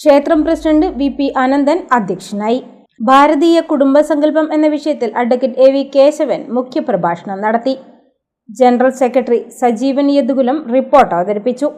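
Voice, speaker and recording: High-pitched female news voice-over. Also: normal speed. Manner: formal, even reporting. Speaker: news reporter.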